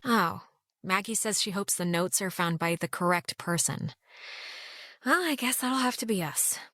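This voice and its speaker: A woman's voice: mid-range voice, animated, normal speed, a bit bright, dry recording. A woman giving casual commentary on a game.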